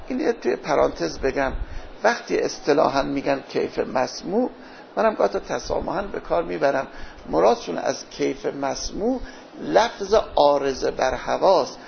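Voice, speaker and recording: A man's voice: a little high, vocal fry, a little hiss or hum. A man teaching a philosophy class, posing questions to his students and answering them himself. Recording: dull lo-fi lecture recording.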